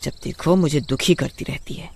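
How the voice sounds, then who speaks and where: A man voicing a harsh, bossy witch daughter-in-law in a kids' storybook, shouting scornful threats. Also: medium pitch, unhurried, a little hiss or hum, lightly acted. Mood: bossy, threatening. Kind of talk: storybook voice acting.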